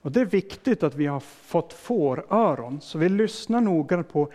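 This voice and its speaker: A man with a fairly high voice preaches a sermon as a pastor. He talks in a plain, explaining way, putting questions to his listeners and leaving everyday fillers and restarts in his speech. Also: expressive, mellow.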